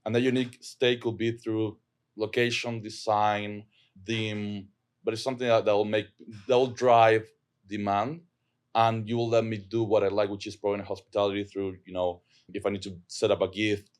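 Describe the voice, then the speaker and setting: On a casual podcast, an earnest Argentine property manager, his accent Argentine Spanish, repeats words often as he thinks aloud. His voice is on the low side and clean, with a level tone and normal speed.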